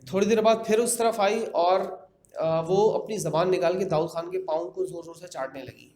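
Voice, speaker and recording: Man, storyteller, casual horror retelling, fairly high voice, conversational fillers, echoey room. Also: darkish tone. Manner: conversational, with fillers and repeated phrases. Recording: echoey room with faint background noise.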